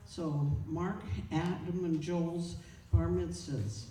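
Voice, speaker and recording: A woman reads a prepared speech aloud at a club meeting, adding informal asides as she addresses the group in an indoor meeting room. Her voice is low, warm, and steady, and her pace is slow. The recording sounds roomy, with a distant mic and clear background noise.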